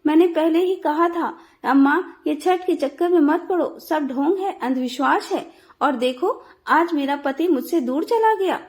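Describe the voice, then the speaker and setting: Brief: a woman as a haughty young wife in a devotional storybook, scornful, high voice. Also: a little slow. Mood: anguished. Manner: dismissive, scornful. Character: proud modern young daughter-in-law, scornful skeptic.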